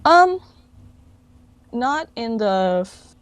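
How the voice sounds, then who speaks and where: A woman with a fairly high, very animated voice speaks very slowly. She's an interview guest who founded a fan project, answering questions in a casual, rambling way and often correcting herself as they chat.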